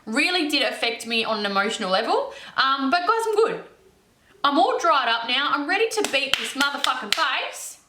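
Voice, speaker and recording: Aussie girl vlogging at her mirror, high sharp voice, heated and sweary, echoey room. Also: sing-song, moderate pace. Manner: heated, swears constantly, blunt. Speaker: makeup vlogger. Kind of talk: ranting casual vlog. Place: home, in front of a mirror.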